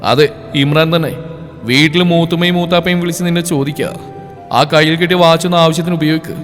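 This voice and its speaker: A man's voice: on the high side, steady tone, a little fast, fairly bright tone, lightly acted. A man voicing an angry young man who harshly scolds a friend over the phone. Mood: angry scolding. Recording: reverb with background music.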